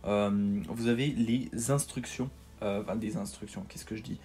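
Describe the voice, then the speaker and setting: This tutorial host's voice is on the low side and dark, with fairly even intonation and a moderate pace. Narrating a video game walkthrough, he sounds casual and unsure, piling on fillers and repeated words while putting himself down.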